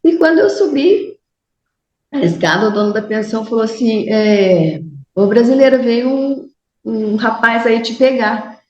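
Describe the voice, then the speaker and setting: A woman from Brazil giving a talk at a club meeting, telling a personal story and acting out the dialogue in a raised, animated voice. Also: on the high side, measured pace, reverberant, lo-fi sound, a little hiss or hum. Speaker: guest speaker. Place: meeting room.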